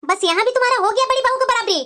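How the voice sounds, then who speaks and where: A woman voicing a scolding, taunting middle-aged mother-in-law in a cartoon, talking in a sharp lecturing way. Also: very high voice, racing. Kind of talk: cartoon voice acting.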